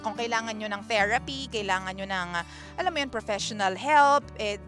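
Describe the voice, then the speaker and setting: A woman's voice: mid-range voice, brisk. A Filipino woman radio DJ giving chatty relationship advice and reading listener messages, mixing Tagalog and English. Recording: radio broadcast with faint music behind.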